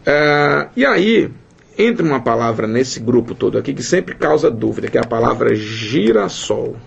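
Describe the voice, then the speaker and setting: A man from Brazil teaching an online grammar lesson in a lively, chatty way, joking with his students. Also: mid-range voice, normal speed, vocal fry, slightly rough. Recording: dull lo-fi sound.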